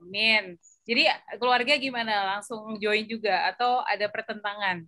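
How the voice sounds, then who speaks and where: Woman, interview host, casual, bright voice, dry recording. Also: mid-range voice, normal speed, dry recording. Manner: friendly, affirming with short responses.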